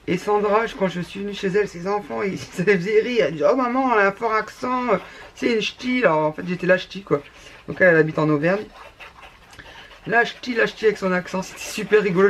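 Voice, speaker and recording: A woman's voice: on the low side, a little hiss or hum. Woman, northern French ch'ti accent, talkative rambling crafter giving a casual tutorial. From northern France. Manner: chatty and rambling, many restarts. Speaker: scrapbooking YouTuber.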